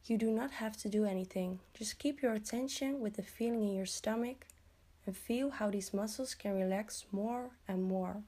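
A woman guiding a progressive muscle relaxation exercise in a slow, soothing, instructional way. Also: mid-range voice, mellow. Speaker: relaxation guide.

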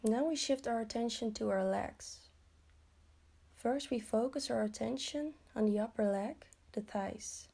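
Woman, relaxation guide; unhurried, mellow, soothing delivery. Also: fairly high pitch, creaky, slightly rough. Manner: slow, soothing, instructional. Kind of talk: guided progressive muscle relaxation.

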